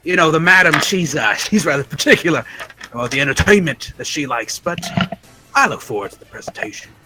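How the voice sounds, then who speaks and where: A man's voice: on the high side, expressive, brisk, loud music behind the voice, lightly acted. A man voicing a polite, faintly probing male acquaintance at a fantasy party, courteous and hesitant.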